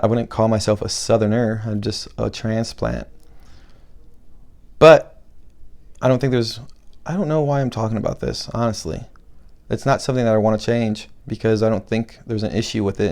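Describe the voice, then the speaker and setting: A man with a low, mellow voice talks casually on his own podcast. He rambles and restarts, but keeps his delivery slow on purpose so every word lands. He grew up in Buffalo, New York. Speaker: podcast host and comedian. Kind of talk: casual solo podcast monologue.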